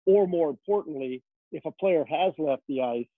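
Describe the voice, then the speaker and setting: A rinkside hockey reporter shares behind-the-scenes stories as casual interview answers, rambling and chatty with many fillers. His slightly high voice moves at a moderate pace and comes through a thin, phone-like line, dry and close with no room echo.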